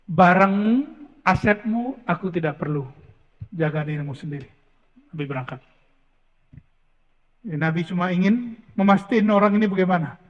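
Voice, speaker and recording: A man delivers a sermon, his voice pitched high for a man. He tells his story with emphasis and drops in casual asides. The sound is muffled and echoes through a large hall. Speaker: preacher.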